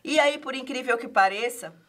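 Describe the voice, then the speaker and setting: A woman as a podcast guest, telling a personal story in a casual, expressive way and often tagging her sentences with a questioning 'right?'. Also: high voice, moderate pace.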